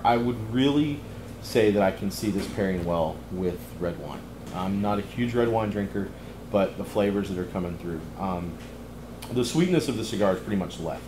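A middle-aged man, chatting casually in a cigar lounge as he reviews a cigar, relaxed and easygoing with many ums. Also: fairly low pitch, roomy sound, background noise. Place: cigar lounge, indoors, leather chairs.

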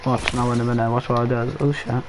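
A man's voice: mid-range voice, flat delivery, quick pace. A young man chatting casually while gaming, sweary, slangy and playful. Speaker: gamer streaming a shooter game. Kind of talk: casual gameplay chat. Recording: noisy game stream with background ambience.

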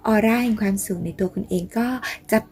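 A woman hosting a casual tarot reading for her viewers, chatty and coaxing, calling herself grandma and sometimes dropping to a soft near-whisper. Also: mid-range voice, a little fast, slightly rough. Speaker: tarot reader and channel host.

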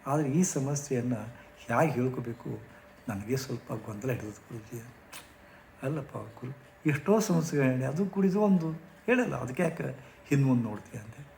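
A male spiritual teacher tells a story in a reflective way, pausing often and moving between louder and quieter phrases. His voice has a middle pitch. The recording is roomy and echoey, with a faint hiss underneath. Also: lively intonation, creaky. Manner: reflective, with many pauses and shifts in loudness. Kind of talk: storytelling talk.

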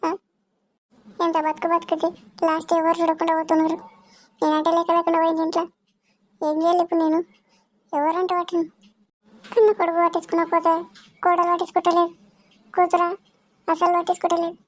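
A woman voicing an elderly, sulky mother-in-law with a Telangana accent in a cartoon comedy, grumbling and later scolding in a slow, menacing fake-possessed voice. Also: very high voice, completely flat delivery. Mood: self-pitying. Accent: Telangana Telugu.

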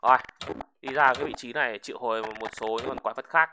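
An excitable game commentator, calling out the action and yelling wow. Words come in repeated bursts. There is steady noise clearly audible in the background. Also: medium pitch, fast talker. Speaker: gaming channel host.

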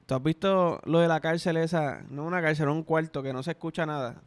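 A man's voice: fairly high pitch, fairly even intonation, a little fast, clean tone. A young man with a Puerto Rican accent, telling loose, profane stories in casual podcast chat. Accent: Puerto Rican Spanish. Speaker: podcast host.

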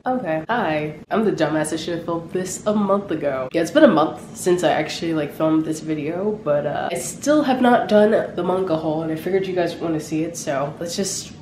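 A young woman chatting through a vlog, her voice nasal and stuffed up from a cold. She talks a little low for a woman and keeps dropping in "like" and "um." The sound is echoey, with faint room ambience behind her. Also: animated, moderate pace, hardly any pauses, a little mellow, a little hiss or hum. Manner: chatty, lots of "like" and "um" fillers. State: congested from a cold. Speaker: vlogger. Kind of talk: casual vlog chat.

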